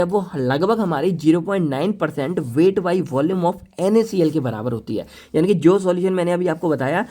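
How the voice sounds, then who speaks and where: A man whose voice sits high and slightly mellow lectures on pharmacy in a casual class. Talking chattily and playfully to his students, he sprinkles English words into his Hindi.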